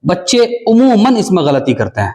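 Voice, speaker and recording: Man teaching slow, drawn-out Quran recitation. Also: high voice, wildly swooping pitch, a little mellow. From South Asia. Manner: drawn-out syllables. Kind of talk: spelling-out recitation lesson.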